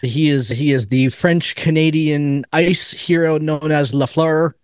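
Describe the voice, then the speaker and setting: Male player, higher register, playful, stammering restarts, dry close sound. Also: steady tone, measured pace, clean tone, no echo. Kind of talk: casual chat.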